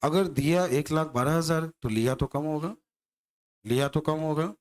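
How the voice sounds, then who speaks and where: A man's voice: a little high, normal speed. A male maths teacher lecturing a class, teasing his students and firing rhetorical questions at them.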